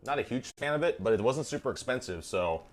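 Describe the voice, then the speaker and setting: Fast-talking, with a mid-range voice and lively intonation, a man runs a home cooking livestream from his kitchen. Wine-tipsy, he jokes around and swears freely in casual banter.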